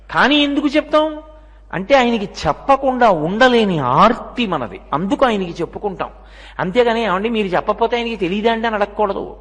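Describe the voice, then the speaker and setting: High-voiced older man giving a discourse. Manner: rhetorical questions, animated storytelling. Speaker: spiritual discourse speaker. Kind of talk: religious discourse. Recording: long hall reverb.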